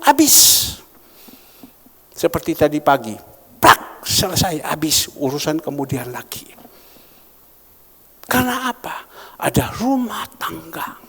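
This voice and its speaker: A man preaching a sermon as pastor, emphatic, dropping from loud declarations to hushed whispers. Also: high-pitched. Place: church hall. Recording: reverberant church hall.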